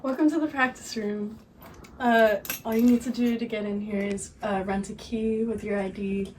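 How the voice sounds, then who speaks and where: A woman's voice: mid-range voice, fairly even intonation, normal speed, a little mellow. A young adult woman informally explaining a facility. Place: music practice room. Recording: distant mic, faint noise.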